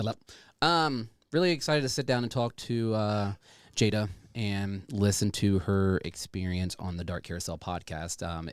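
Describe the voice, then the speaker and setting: A man's voice: lowish voice, dry recording. A man hosting a podcast in casual chat, rambling and playful, with some swearing. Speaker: podcast host.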